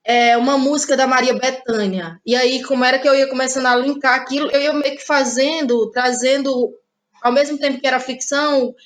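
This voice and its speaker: A playwright and actress from Ceará, Brazil, reflects on her own work as an interview guest, speaking conversationally. Her voice sits high with a steady tone, and she talks a little fast.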